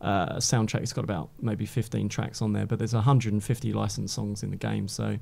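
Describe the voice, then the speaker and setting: Gravelly man talking games. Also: on the low side, level tone, brisk, a little mellow. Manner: eager, restarts phrases often. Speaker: games journalist guest. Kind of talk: casual studio chat. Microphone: studio microphone.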